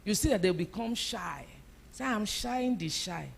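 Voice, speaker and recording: A woman's voice: medium pitch, animated, moderate pace, vocal fry, husky. A woman speaking at a church conference to a live audience, emphatic and repeating her key phrases.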